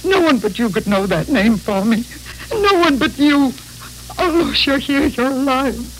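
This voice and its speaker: An actress playing an anxious, devoted wife in an old radio serial, speaking in a tremulous, tearful, pleading way. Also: female voice, on the low side, lively intonation, fairly quick, noisy background, lightly acted. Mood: tearful joy. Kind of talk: 1940s radio acting.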